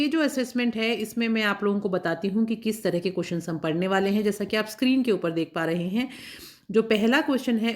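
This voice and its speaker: A woman's voice: medium pitch, darkish tone. A woman teacher taking schoolchildren through a workbook lesson, patiently spelling words out letter by letter and checking they follow along. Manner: addresses children directly, checking understanding. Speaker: English teacher.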